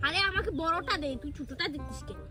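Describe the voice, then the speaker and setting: A woman playing a pretend cooking game, bossy and scolding as she hands out food and calms a crying playmate. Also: very high voice, quick pace, loud music behind the voice. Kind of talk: playful make-believe chat.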